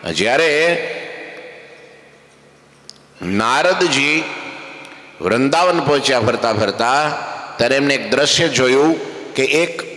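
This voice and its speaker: A man's voice: medium pitch, a bit bright. A man giving a devotional sermon at a temple, telling a religious story and asking his listeners rhetorical questions. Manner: rhetorical questions, lists and repetitions. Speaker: preacher giving religious discourse. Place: temple hall. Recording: long echoing hall reverb.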